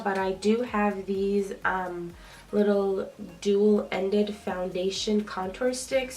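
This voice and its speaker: A young female beauty vlogger chats casually through a makeup tutorial, saying "um" often while applying her makeup. Her medium-pitched voice is creaky and a little mellow, but stuffy and nasal from a cold. The recording sounds slightly distant, with faint noise.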